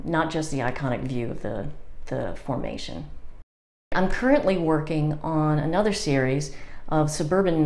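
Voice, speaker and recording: A woman in her fifties, a painter introducing her work in a measured, explanatory way with small fillers, recorded by a camera a few feet away in her home studio. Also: sits low, a little mellow. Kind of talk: scripted artist introduction. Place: home art studio, indoors. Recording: echoey room.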